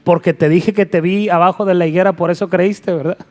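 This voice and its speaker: A man's voice: sits high, fairly even intonation, fairly quick, lightly acted. A man voicing Jesus in a retold Bible scene, speaking in a tender, intimate way. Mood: assuring.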